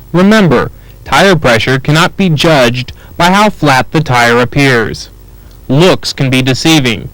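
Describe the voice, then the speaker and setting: An American-accented man gives a clear, measured reading of a scripted training-film narration. His mid-range voice comes through with no echo, but the audio is poor.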